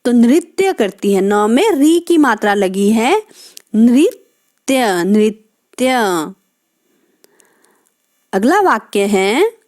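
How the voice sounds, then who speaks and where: Teacher woman, slightly high voice, drawn-out words for kids, slow and patient. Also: very animated, darkish tone. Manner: asks the children questions and explains each word. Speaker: primary school Hindi teacher. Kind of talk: recorded lesson for young children.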